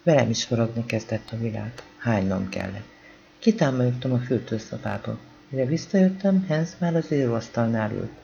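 A man with a gravelly voice reading a novel aloud as an audiobook narrator, calm and even, voicing the dialogue quietly. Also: mid-range voice, muffled recording, slight background noise. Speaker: audiobook reader.

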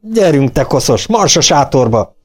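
A man reading an audiobook, voicing a rough male legionnaire guard with a rifle who gives harsh orders. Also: a little high, very animated, soft background music, pitched above the performer's own voice. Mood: barking. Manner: switches between hushed whisper and barked orders.

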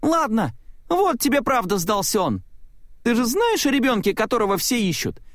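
A man voicing an excitable, chatty small one-eyed male monster in a storybook reading, in a high, agitated voice. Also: moderate pace, dry recording, clean studio sound, heavily acted. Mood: excited.

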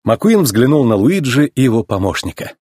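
A man narrating a children's storybook in an expressive, animated reading. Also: medium pitch, fairly quick, husky, no room sound, clean studio sound.

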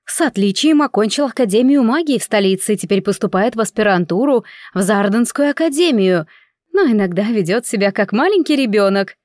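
A woman's voice: mid-range voice, animated, a little fast, a little mellow, no echo, clean studio sound, lightly acted. A woman reading the lines of a reproachful aristocratic mother, a countess.

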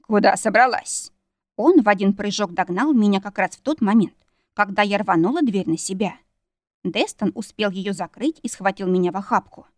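A woman's voice: medium pitch, animated, brisk, darkish tone, no echo. Woman narrating an audiobook, dry sound. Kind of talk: scripted first-person narration.

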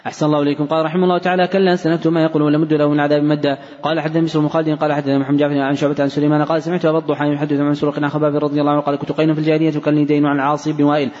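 A man reading hadith texts aloud in a fast, even recitation, recorded in a large mosque hall. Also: fairly high pitch. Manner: fast, even, unbroken reading with brief slips. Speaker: hadith reader. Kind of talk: rapid recitation of hadith text. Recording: dull recording in a reverberant hall.

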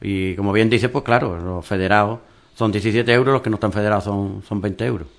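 A man's voice: lowish voice, steady tone, brisk. A man who organizes a mountain race, talking it through in a rambling radio interview with many restarts.

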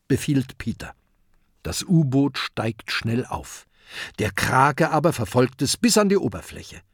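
A man narrating a children's adventure audiobook in a lively storytelling manner. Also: medium pitch, husky, no room sound, clean studio sound. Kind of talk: scripted narration.

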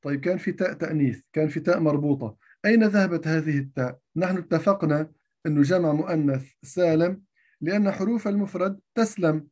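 A man's voice: a little high, quick pace, darkish tone. A man giving a grammar lesson, repeating each point and asking himself rhetorical questions before answering them. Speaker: teacher of Arabic grammar.

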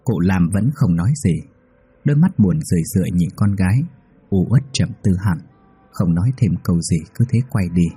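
A male narrator reads a ghost story in a measured, even way. His voice is very dark and deeply husky, a little low in pitch. Faint music sits behind him. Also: no room sound.

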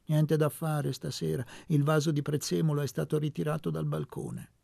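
A man's voice: a little high, little pitch movement, moderate pace, vocal fry, warm tone, no room sound, studio quality, voice pushed up. A man doing a sly, ironic young joker.

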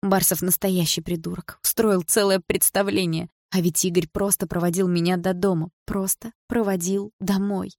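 A woman's voice: on the low side, little pitch movement, normal speed, hardly any pauses, darkish tone, no room sound, clean studio sound. A woman narrating a first-person audiobook in an indignant, emotional way.

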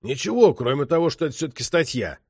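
A man's voice: a little high, sing-song, fast talker, breathy edge, no echo, clean studio sound, full character voice. A man doing a shrewd veteran police chief. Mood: calm weary. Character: seasoned middle-aged male police chief, calm, shrewd.

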